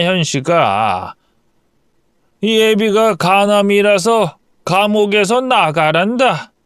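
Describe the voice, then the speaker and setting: A man's voice: high-pitched, fairly bright tone, clear, resonant tone, no echo, studio quality, pitched above the performer's own voice, full character voice. A man voicing a crude old ex-convict father-in-law who bellows threats and then whines for forgiveness, in an audio story.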